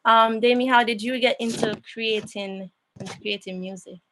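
A woman's voice: fairly high pitch, steady tone, moderate pace, a bit bright, a little hiss or hum. A young woman from Jamaica, an interviewer and musician, talking reflectively in casual conversation with frequent fillers and restarts.

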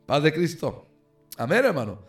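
A man's voice: on the high side, sing-song, moderate pace, soft background music. A man preaching a sermon fervently, with call-and-response asides to his congregation. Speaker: pastor.

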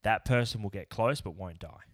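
Low-voiced man, rambling and jokey. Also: normal speed, no room sound, studio quality. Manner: rambling, jokey, tries silly accents. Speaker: podcast co-host. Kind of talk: casual chat.

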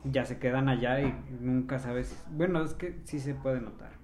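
A man in a casual chat, tossing out joking, deadpan quips. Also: medium pitch, moderate pace.

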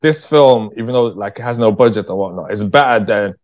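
A dull-sounding British man from England chats casually, his voice on the low side and a little fast. He's an interview guest and writer-director, telling stories in an informal, slangy, candid way. The recording itself is dull and lo-fi.

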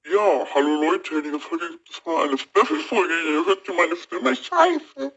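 A woman voicing a silly character through a pitch-shifting voice changer, casually greeting podcast listeners. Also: lively intonation, measured pace. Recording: dull, roomy, echoing voice-changer playback.

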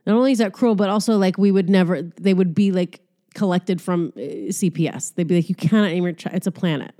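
A young adult woman chatting casually as a vlogger, telling a story in an animated, profane way and acting out quotes. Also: on the low side, fairly quick. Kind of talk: casual chat.

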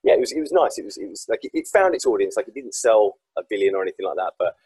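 A man chats as a podcast guest, his speech rushing along at a brisk clip. His voice is deeply husky and sits a little low. The sound is close and dry, and he tells his stories with animated self-deprecation. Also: no echo, rough recording. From South East England. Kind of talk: casual podcast chat.

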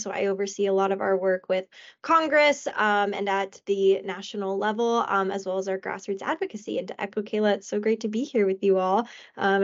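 Friendly, fluent woman guest. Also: mid-range voice. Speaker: guest, government relations manager. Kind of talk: podcast interview answers. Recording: dull lo-fi sound.

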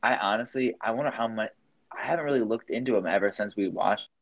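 A man's voice: on the low side, fast talker, no room sound, highs cut off. A young man chatting casually with a friend, rambling and restarting his sentences, laughing easily. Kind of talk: casual chat.

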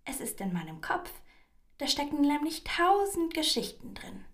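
A woman voicing a small, frightened but clever mouse in a storybook reading, squeaking and stammering. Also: big pitch swings, normal speed. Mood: bold.

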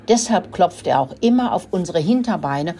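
A woman's voice: on the low side, lively intonation, moderate pace, warm tone, slightly rough. A woman doing frightened bleating storybook goats.

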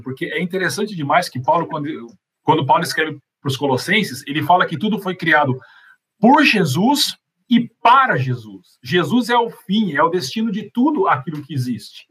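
A Brazilian man with a fairly high, somewhat raspy voice speaks as a panelist on faith. He teaches conversationally, explaining his points step by step with everyday examples. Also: a bit bright. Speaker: panelist answering questions on faith.

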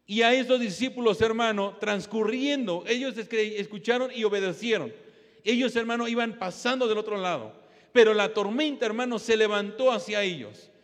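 A man preaching a fervent, exhorting sermon in a church, calling his listeners brother again and again. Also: sits high. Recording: long hall reverb.

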